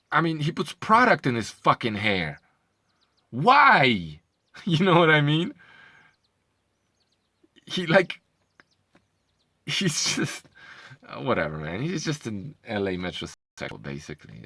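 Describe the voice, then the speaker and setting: A man delivering a heated, profane commentary rant, his voice bright and forceful. He trips over repeated words as he pushes his points. The sound is dry and close, with no room around it. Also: medium pitch, dry recording. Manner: heated, profane, repetitive ranting with stammered restarts. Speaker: commentary vlogger. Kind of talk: ranting video commentary.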